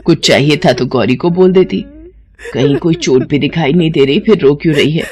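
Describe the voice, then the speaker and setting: A woman voicing a stern middle-aged mother-in-law in a cartoon story, speaking in a lowered, scolding voice. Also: moderate pace, darkish tone, close to an everyday voice. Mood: concerned.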